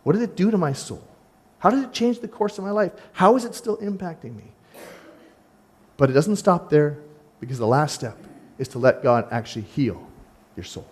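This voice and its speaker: A man preaching a sermon as pastor, animated and speaking straight to his congregation, acting out the voices he quotes. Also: a little high, moderate pace, long pauses, breathy edge. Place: church sanctuary. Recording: long hall reverb.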